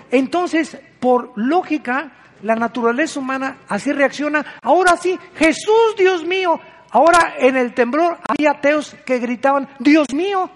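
A woman preaching a sermon with passion, acting out quoted speech. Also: fairly high pitch. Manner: impassioned, acts out quoted speech. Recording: long hall reverb.

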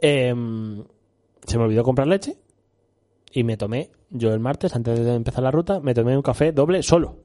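A man's voice: medium pitch, moderate pace, warm tone. Young Spanish man telling a rambling story. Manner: rambling storyteller, laughs often, says "tío". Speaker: co-host. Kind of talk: casual chat.

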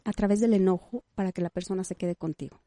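Woman host, dark mellow voice. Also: medium pitch, quick pace, no room sound. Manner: brief backchannels and short follow-up questions. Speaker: radio host. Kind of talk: interviewing a guest.

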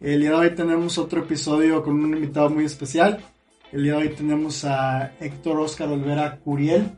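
A man's voice: a little high, level tone, fairly quick, a little mellow, soft background music. A man hosting a casual podcast interview, friendly with short replies. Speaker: podcast host.

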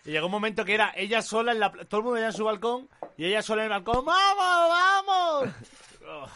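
Guy with a high bright voice, chatty podcast host acting out his stories. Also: racing. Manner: animated storyteller, shouts out quoted lines. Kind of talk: casual chat, streamed podcast.

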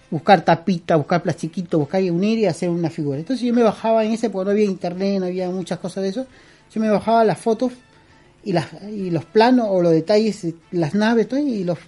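As a guest in a casual interview, a middle-aged Peruvian man who makes costumes and props rambles with many fillers and restarts. His warm voice sits high, and he has a Peruvian Spanish accent.

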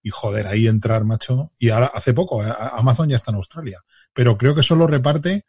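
A man's voice: mid-range voice, fast, darkish tone, breathy edge, no echo, clean studio sound. A man with a Castilian Spanish accent chatting casually and colloquially as a podcast co-host, with some mild swearing. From Spain. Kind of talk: casual group chat.

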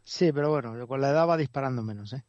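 A man giving opinions in a measured, conversational way during casual chat. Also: medium pitch, a little mellow, dry recording. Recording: slightly muffled dry recording.

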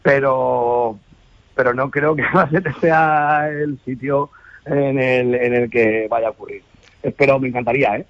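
A man's voice: medium pitch, fairly even intonation, a little slow, no room sound. A man, chatting casually in a radio interview with many fillers and restarts. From Spain, La Mancha. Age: 30s. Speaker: DJ and festival ambassador. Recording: muffled radio broadcast.

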